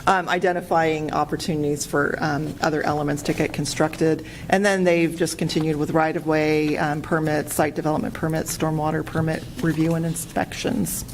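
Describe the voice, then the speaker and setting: A woman on city staff walks a budget committee through public works projects, pausing often with fillers. Her voice is very low for a woman, with faint noise in the room behind her. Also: little pitch movement. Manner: hesitant, many fillers. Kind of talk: presenting at a budget meeting. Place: council meeting room.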